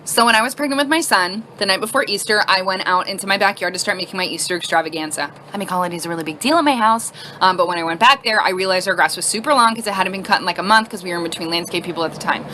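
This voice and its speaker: A woman in her thirties telling a casual, animated storytime and acting out the other voices. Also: mid-range voice, rapid-fire, few pauses, a little hiss or hum. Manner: animated, acts out quoted voices.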